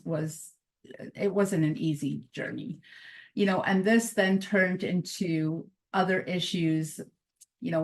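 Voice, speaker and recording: With a low voice, a middle-aged woman coaches mindset in an upbeat motivational talk, laughing frequently and stressing repeated phrases. She was born in Croatia, grew up speaking Croatian, and lives in Canada.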